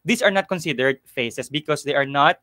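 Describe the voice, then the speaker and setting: A man's voice: fairly high pitch, fairly quick, bright, forceful tone, dry recording, clean studio sound. A man with a Filipino accent teaching conversationally as a co-host of an online lesson, explaining and often checking that it is understood. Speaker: math tutor co-hosting an online lesson. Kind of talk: conversational teaching, mixing two languages.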